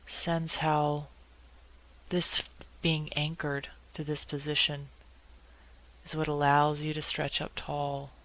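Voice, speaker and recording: In a rough recording, a woman with a low voice leads a guided meditation. She keeps a calm, measured delivery, letting long silences fall between brief phrases.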